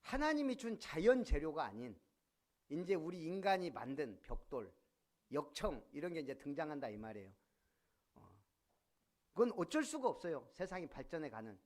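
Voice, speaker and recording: This pastor's voice is fairly high and moderately paced as he delivers a sermon in a church sanctuary. He's animated and keeps turning questions toward the congregation.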